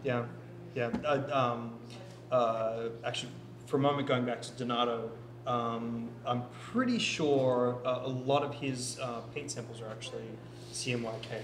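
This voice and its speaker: A man on a panel who talks haltingly, with many fillers and "yeah"s. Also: medium pitch, noisy background. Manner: halting, full of fillers and yeahs. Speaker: panelist, artist. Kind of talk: casual panel chat. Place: live venue stage. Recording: roomy live venue with crowd.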